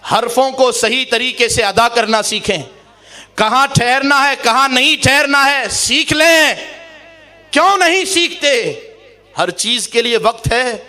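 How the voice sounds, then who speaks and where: A male preacher with a very high, ringing voice delivers an impassioned sermon. He swings from emphatic shouts to hushed, earnest lines and slows down to recite Arabic verses. His tone stays sharp and forceful throughout. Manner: impassioned, rising to shouts and dropping low. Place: mosque or madrasa gathering.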